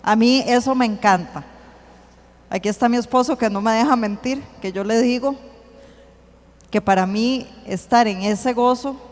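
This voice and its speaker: A woman giving an earnest church teaching, slowing to read scripture aloud. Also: fairly high pitch. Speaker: church speaker. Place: church hall. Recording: long hall reverb.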